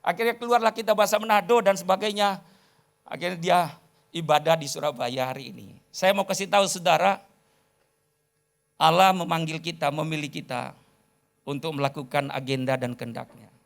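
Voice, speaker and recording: A man's voice: fairly high pitch, a little fast, vocal fry, pauses often. A man preaching a sermon as pastor at a church service, emphatic and often addressing the congregation directly.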